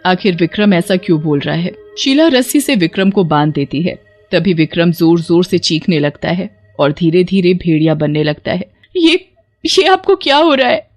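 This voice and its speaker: A woman narrating an animated horror story in a steady, even storytelling manner. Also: lowish voice, moderate pace, no room sound. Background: faint music.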